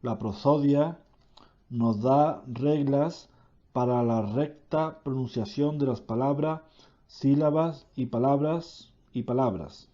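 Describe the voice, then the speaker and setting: A man reads a grammar lesson in a slow, measured way, stopping to fix his own slips. His voice is very dark and mellow, and the recording sounds dull and lo-fi. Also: medium pitch. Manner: slow, deliberate reading with self-corrections. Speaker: teacher reading a grammar lesson. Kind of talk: reading a grammar lesson aloud.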